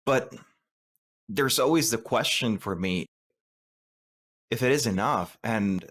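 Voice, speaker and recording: A man's voice: mid-range voice, slow, fairly bright tone. A man from Rica, co-hosting a podcast and talking thoughtfully, often stumbling and restarting as he searches for words. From Costa Rica. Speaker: co-host. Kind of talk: podcast discussion.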